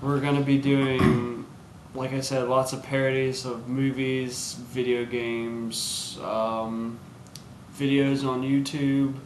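A man's voice: mid-range voice, little pitch movement, slow. A young man co-hosting in casual chat, rambling and giggly with many ums, on a handheld camera. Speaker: co-host. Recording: echoey room with background noise.

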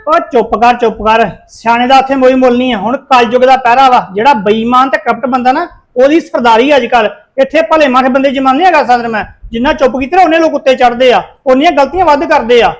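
A man's voice: very high voice, fast talker, hardly any pauses. A middle-aged man acting as a stern, suspicious husband and son who scolds his wife in a family drama. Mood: accusing. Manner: accusing, scolding.

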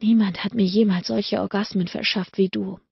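A woman voices an intense adult male lover in an audiobook, murmuring low with a rough, deep quality. The voice is gravelly and husky. The recording is dull and dry. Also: steady tone, normal speed, no room sound. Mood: heated, breathless. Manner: low, murmured, breathy delivery.

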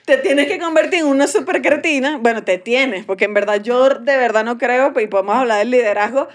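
A woman with a Venezuelan accent, co-hosting a casual chat and telling stories in an animated way. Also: high-pitched, a little fast. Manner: animated storytelling. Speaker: podcast co-host.

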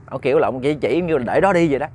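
A man's voice: medium pitch, animated, very fast, darkish tone, a little hiss or hum. A man retelling a ghost story in a casual, chatty way.

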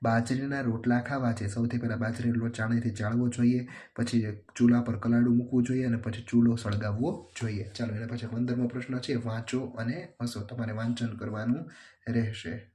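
A man going through a children's workbook as a teacher, reading questions and their answers aloud in a steady, plain way. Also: medium pitch, a little fast.

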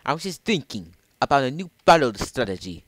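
A man's voice: mid-range voice, big pitch swings, a little fast, dry recording, pitched above the performer's own voice. A man voicing a confident young male rival trainer in a put-on British accent, self-assured and strategic.

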